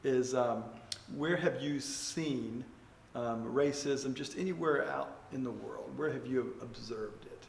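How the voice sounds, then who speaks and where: Gravelly soft-spoken older pastor. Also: male voice, mid-range voice. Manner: soft-spoken, gentle, halting with fillers. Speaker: pastor and host. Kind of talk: church conversation interview. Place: church. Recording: echoey room with faint noise.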